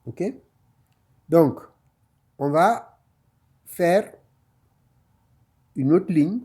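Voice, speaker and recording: Slow, patient man teaching reading. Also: a little high, mellow, breathy edge. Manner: patient, repeats each point, drawn-out recitation of the phrase. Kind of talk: slow step-by-step lesson.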